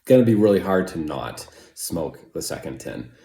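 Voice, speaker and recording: A man's voice: low-pitched, very animated, normal speed, gravelly, mellow. An American man giving a casual product review, rambling and hesitant as he circles back to qualify his points. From United States. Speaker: pipe tobacco reviewer. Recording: roomy echo, faint background noise.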